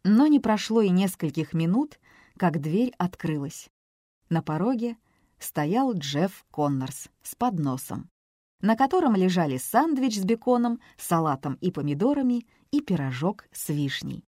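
Brief: woman audiobook narrator, low, mellow, dry close sound. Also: very animated, measured pace, no room sound. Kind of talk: scripted narration.

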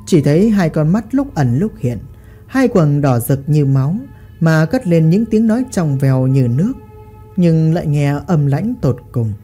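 Expressive woman telling a ghost story. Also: deep voice, a little slow, breathy edge, faint music behind.

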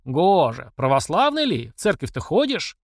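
A man's voice: a little high, wildly swooping pitch, moderate pace, no room sound, studio quality, voice pushed up, exaggerated voice. A man voicing a brash young village lad who questions bluntly and suspiciously.

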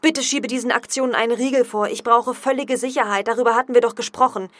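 An actress plays a woman in her thirties in a radio drama. She sounds anxious and indignant, with a slightly high, natural voice. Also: fairly even intonation, fast, dry recording, lightly acted. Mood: worried, firm. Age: 30s.

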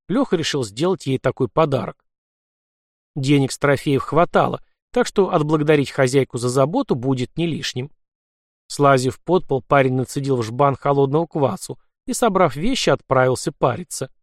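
A man narrating an audiobook in a lively, expressive reading. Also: medium pitch, no room sound, clean studio sound. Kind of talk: scripted narration.

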